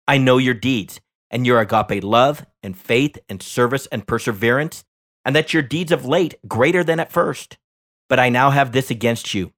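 A man presents a scripted Bible teaching podcast in a mid-range voice. He reads measured and deliberate, slowing down on key phrases for emphasis. His delivery is steady and earnest throughout. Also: medium pitch.

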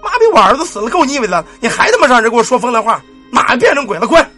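A man's voice: extremely high pitch, big pitch swings, very fast, faint music behind, voice pushed up, heavily acted. Man doing a furious cursing village father. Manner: shouting, cursing.

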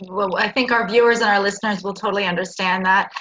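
A woman's voice: mid-range voice, steady tone, quick pace, a bit bright, dull audio. A woman hosting an interview, encouraging and affirming her guest. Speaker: interview host. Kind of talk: conversational interview.

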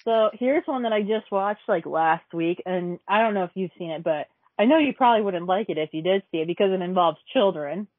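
A woman's voice: mid-range voice, fairly quick, hardly any pauses, no echo. A woman in casual chat, rambling with many fillers and frequent laughs. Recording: dry, phone-like audio.

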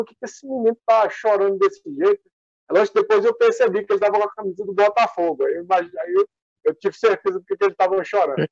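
Animated high-voiced man telling stories. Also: gravelly, no echo, highs cut off. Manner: animated, rambling with many fillers. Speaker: guest athlete. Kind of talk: casual interview storytelling.

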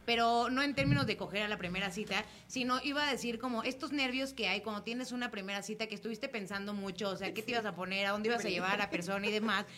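A woman's voice: medium pitch, fast, hardly any pauses, fairly bright tone. A young woman with a Mexican accent, co-hosting a podcast in a chatty, slangy way, laughing often. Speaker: podcast co-host. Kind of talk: casual chat.

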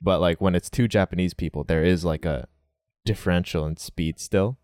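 A young man in a casual interview, talking about learning Japanese, relaxed, often laughing and saying "like". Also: low-pitched, normal speed, smooth, no room sound, studio quality.

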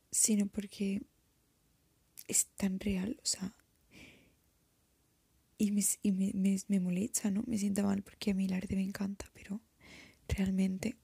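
Young woman in her twenties, mellow, husky whisper, hesitant confessional vlogger. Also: medium pitch, no echo. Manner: soft whisper, hesitant and reflective. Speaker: art student.

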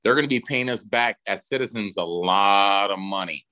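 A man with a somewhat low voice chats loosely as a podcast guest. He rambles and circles back with fillers and restarts, middle-aged and relaxed in delivery. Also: normal speed. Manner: rambling, drawling talk with frequent fillers and restarts. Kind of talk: casual podcast chat.

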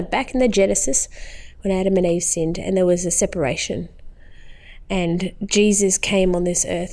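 A woman's voice: fairly low pitch, gravelly, darkish tone. A woman guest in an interview, talking about her faith in an earnest, heartfelt and rambling way, with many fillers. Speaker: podcast guest.

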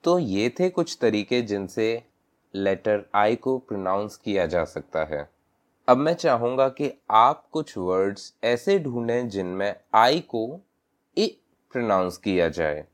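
A man teaching English pronunciation, spelling words out letter by letter in a deliberate way. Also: lowish voice, very animated. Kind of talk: recorded language lesson.

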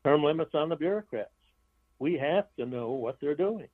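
A man's voice: on the high side, expressive, normal speed, dry recording. Male author guest, rambling and blunt, heard over a tinny dry phone line. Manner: rambling, restarts phrases, blunt opinions. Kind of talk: casual interview talk.

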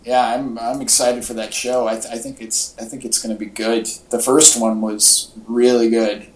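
A man co-hosts a casual pop-culture chat, speaking informally with a keen fan's enthusiasm. He has a mid-range voice with little pitch movement at a normal pace, and the podcast audio sounds like an echoey room.

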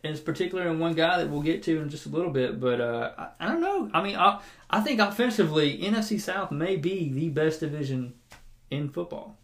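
A man's voice: fairly high pitch, animated, a little fast, a bit bright. A man in his twenties co-hosting a casual sports podcast, rambling and often restarting his sentences. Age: 20s. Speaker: podcast co-host.

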